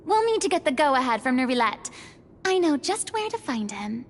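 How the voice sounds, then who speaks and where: A woman's voice: high-pitched, big pitch swings, normal speed. A woman acting a self-assured, playfully haughty grand lady with a dramatic, grandiose manner in a game. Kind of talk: voice-acted game dialogue. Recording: loud music behind the voice.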